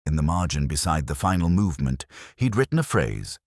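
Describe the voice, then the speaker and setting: In a deep, rumbling voice, a man tells a detective story in first person, very animated yet measured and reflective. The close, dry recording has no echo.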